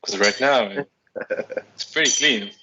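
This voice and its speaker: A man's voice: medium pitch, a little slow, dull audio, background noise. A man chatting casually as a participant on a livestream. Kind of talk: casual chat.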